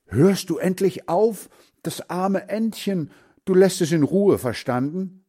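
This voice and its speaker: Brief: man doing a high, indignant storybook boy, animated. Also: a little slow. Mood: angry. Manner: scolding, indignant. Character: stubborn boy who protects ducklings. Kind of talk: storybook reading.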